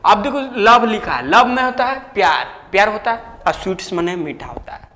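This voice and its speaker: A man's voice: high-pitched, brisk. A man teaching an exam lesson with memory tricks, chatty and jokey in a colloquial way. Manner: chatty, jokey, colloquial, rises loud when excited. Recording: echoey room with long reverb.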